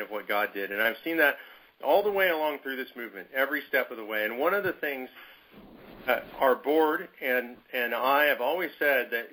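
A man's voice: mid-range voice, sharp tone, poor audio. A man telling a personal story to his movement's leaders on a conference call, in a conversational, emphatic way. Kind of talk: storytelling anecdote.

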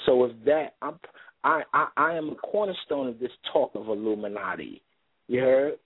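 Calling into a radio show as a guest, this man in his thirties boasts in crude street slang during casual on-air talk. He has a mid-range voice with a breathy edge and speaks at a moderate pace. The phone-line audio carries no room sound.

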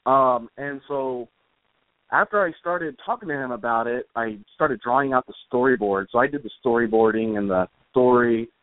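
Speaking at normal speed and medium pitch, a man who is a comic author and musician chats in a slightly rambling, informal way as a guest in a casual interview. His voice comes over a tinny line with no echo.

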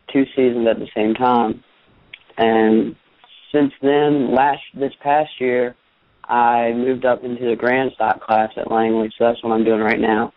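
A young man from Richmond, Virginia calls in to a radio show, heard over a thin, phone-like line with a dry sound. He talks easily and plainly and sometimes repeats a word as he gets going. His pitch is middling for a man. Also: dry recording. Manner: easygoing, plainspoken, repeats words when starting. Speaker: race car driver guest. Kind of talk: casual phone interview.

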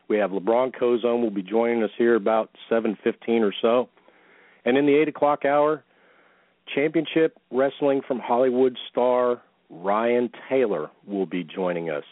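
A man with a fairly low voice comes through a narrow, phone-like connection, very dry. He hosts a wrestling radio show with a ringmaster's showman announcing, presenting everything as a billed attraction. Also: no room sound. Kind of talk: live wrestling talk radio hosting. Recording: thin, phone-like radio line.

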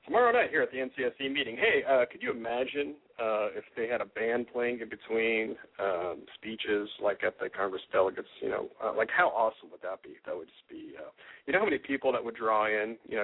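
A man's voice: mid-range voice, breathy edge. A man hosting a podcast, talking casually and chattily with lots of fillers. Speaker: podcast host. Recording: lo-fi phone-like audio.

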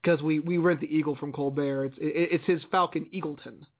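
High-voiced man chatting on tinny radio. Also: fairly even intonation, brisk. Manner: chatty, musing aloud. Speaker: radio show host. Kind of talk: casual news commentary. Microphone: internet radio broadcast. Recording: tinny, phone-like internet radio sound.

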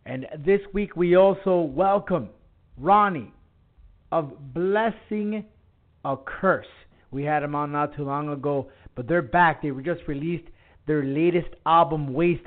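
Announcer-like man hosting over a phone line. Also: fairly high pitch. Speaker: podcast host. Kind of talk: upbeat wrestling and music show hosting. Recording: tinny phone-line internet radio audio.

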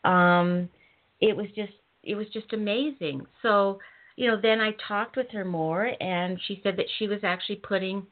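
A woman's voice: medium pitch, steady tone, normal speed. Gushing woman host on a tinny line. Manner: gushing, with many ums and restarts. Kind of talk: casual interview chat.

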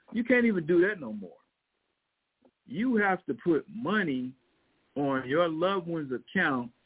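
A slightly rough, fairly high-voiced man from Missouri in the American Midwest hosts a show, reading the news and commenting on it casually and emphatically. He is a show host and a priest who keeps turning to speak straight to his listeners. The recording sounds tinny, like a phone.

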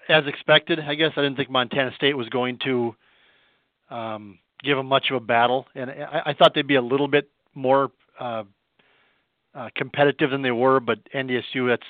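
A man's voice: mid-range voice, steady tone, no room sound. A man in his fifties, a sports writer, talking plainly and unhurriedly as a guest heard over a phone line. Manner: plainspoken, unhurried, thinks aloud. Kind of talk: casual phone interview. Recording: tinny dry phone line.

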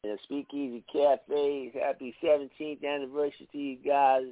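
A man's voice: medium pitch, flat delivery, moderate pace, dry recording. A man of about fifty calling in to a radio show over a phone line, earnestly reciting a poem and then chatting with restarts. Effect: heard over a phone line on a radio call-in show. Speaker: radio show caller and poet. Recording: tinny phone line, dry.

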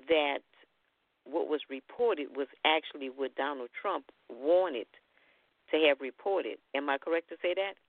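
A woman calling in to a talk show over a landline phone, giving measured, earnest opinions. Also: low-pitched, no room sound. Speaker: caller. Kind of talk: call-in talk radio. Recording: tinny dry phone line.

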